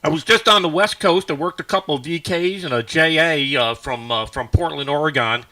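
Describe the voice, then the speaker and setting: Bright, forceful man on ham radio. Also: on the high side, brisk. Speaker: amateur radio operator. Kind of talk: ham radio contact with call signs.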